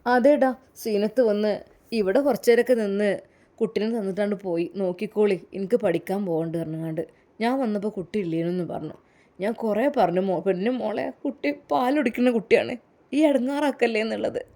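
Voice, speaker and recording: A woman's voice: mid-range voice, a little fast, warm tone, close to an everyday voice. Doting, worried old mother, broad Malappuram Malayalam accent, woman voicing. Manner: affectionate, worried. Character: affectionate elderly grandmother.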